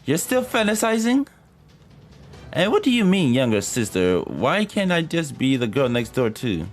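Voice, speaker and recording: A man voicing a jealous, indignant young woman in a game story, shrill and outraged. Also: sing-song, normal speed, faint music behind.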